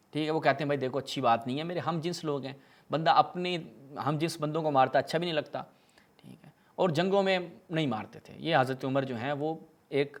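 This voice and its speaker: Sarcastic man lecturing. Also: on the high side. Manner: sarcastic, mocking asides, dramatic reading of Arabic narrations. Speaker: religious speaker. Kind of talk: polemical lecture reading from books.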